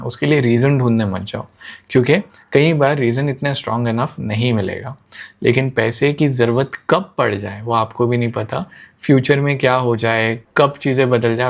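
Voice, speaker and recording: A young man on YouTube explaining a finance book to students in relaxed, conversational Hindi mixed with English, leaning on everyday examples. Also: medium pitch. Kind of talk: casual explanatory talk to students.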